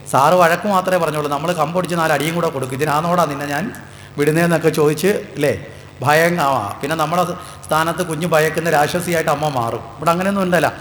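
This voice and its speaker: A man's voice: on the high side, fairly bright tone. A man from Kerala, India, giving a devotional discourse, telling stories and asking the listeners rhetorical questions. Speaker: Bhagavatam discourse speaker. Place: temple hall. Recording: echoey hall with faint hum.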